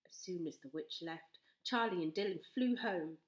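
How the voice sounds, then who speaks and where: A woman reading a children's storybook aloud, slowly and with expression. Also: lowish voice. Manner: slow, expressive. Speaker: storybook reader. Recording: roomy echo.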